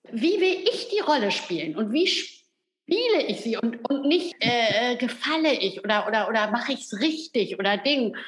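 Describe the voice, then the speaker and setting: A woman's voice: a little high, fairly bright tone. A woman, an acting coach, talking casually and thoughtfully, often searching for words and checking in. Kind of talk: casual expert discussion. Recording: roomy echo.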